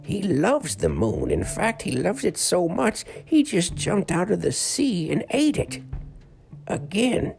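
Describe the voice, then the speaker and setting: A man's voice: huge pitch swings, creaky, darkish tone, soft background music, exaggerated voice. A man putting on a feeble little old man. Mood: weary. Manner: high, slow, quavering. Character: feeble tiny old man with long beard.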